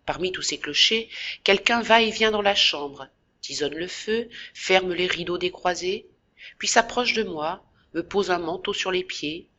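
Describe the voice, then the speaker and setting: A woman narrating a classic novel in a measured, expressive audiobook reading. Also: on the low side, muffled recording. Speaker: audiobook reader.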